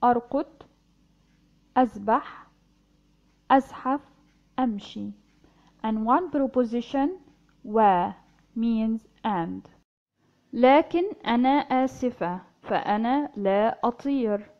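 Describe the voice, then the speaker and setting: A woman's voice: fairly high pitch, highs cut off. A woman teaching Arabic, reading a short story aloud and explaining its words and grammar in English. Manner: slow, careful explaining, mixing English and Arabic.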